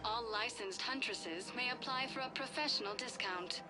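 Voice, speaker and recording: An actress voicing a female store announcer who reads shop promotions in an upbeat, smooth delivery. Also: fairly high pitch, normal speed, over loud music, lightly acted. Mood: promotional. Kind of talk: supermarket-style shop announcement.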